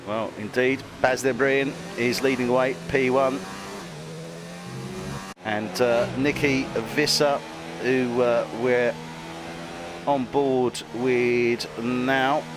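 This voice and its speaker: A man calls a race in a slow, relaxed, chatty way, laughing at his own mistakes. His home mic carries a clear, steady hiss of noise behind him. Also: mid-range voice. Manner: chatty, self-deprecating, laughs often. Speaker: lead commentator. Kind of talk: casual amateur race commentary.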